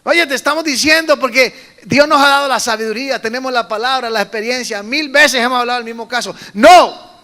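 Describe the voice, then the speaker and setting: A man's voice: very high voice, fast. A middle-aged man preaching a sermon to young people, telling stories and acting out voices with emphatic bursts. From Colombia. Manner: animated storytelling, acts out quoted voices, emphatic bursts. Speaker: pastor. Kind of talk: sermon to a youth meeting.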